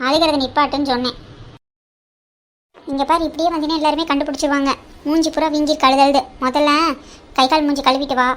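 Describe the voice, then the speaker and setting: Lady doing a fast-talking high bossy big sister in a cartoon, teasing, sneaky plans. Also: fairly even intonation, lightly acted. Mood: brisk, teasing. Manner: brisk, teasing, commanding. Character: bossy elder sister-in-law, teasing and secretly scheming. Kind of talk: cartoon drama voice acting.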